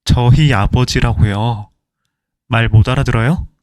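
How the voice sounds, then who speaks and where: A man's voice: medium pitch, steady tone, unhurried, darkish tone, dry recording, lightly acted. A man playing a young groom who speaks curtly and coldly dismissive to an older woman. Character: cold, insolent young groom.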